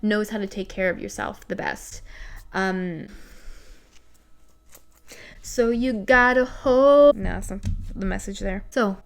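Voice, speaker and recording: Talking to camera at home under a ring light, a woman in her twenties shares entries from an old journal and reacts to them. She is a vlogger, casual and confessional, candid and self-deprecating. Her voice is medium-pitched and creaky, and she goes slowly with long pauses.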